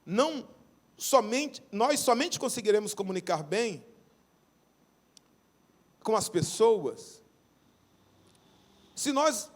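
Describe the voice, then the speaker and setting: Animated Brazilian preacher, high lively voice. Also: male voice, slow, long pauses. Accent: Brazilian Portuguese. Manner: animated, acts out little everyday scenes with dropping and rising voice. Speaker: pastor. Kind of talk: sermon. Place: church sanctuary.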